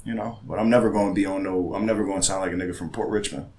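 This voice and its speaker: A man co-hosting a casual chat, telling stories in an animated way and mimicking other people's voices. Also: sits low, racing.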